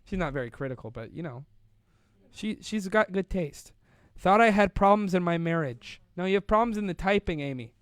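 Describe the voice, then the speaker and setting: A young man hosting a live online show chats in a playful, casual way, rambling and laughing often. His slightly high voice is clear and resonant, with lively intonation at a normal speed. The sound is dry and close, with no room echo.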